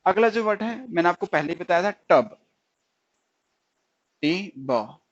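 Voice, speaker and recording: This male stenography teacher has a high-pitched voice with lively intonation and speaks a little slowly. In his recorded lesson he goes step by step, repeats each sound, and checks that students follow. The recording sounds dull and lo-fi.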